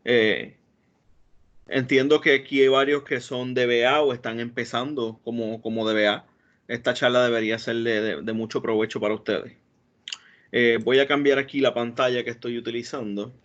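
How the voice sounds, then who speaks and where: Using a mid-range, fairly bright voice, a man from Puerto Rico delivers a hesitant technical talk online as a database administrator, full of fillers and restarts. A computer mic on the video call captures it in dull, lo-fi quality.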